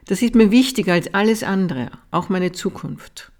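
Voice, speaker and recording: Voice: medium pitch, moderate pace, close to an everyday voice. A reader voicing an earnest young monk. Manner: gentle, sincere, calm. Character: earnest young male monk pleading with his father.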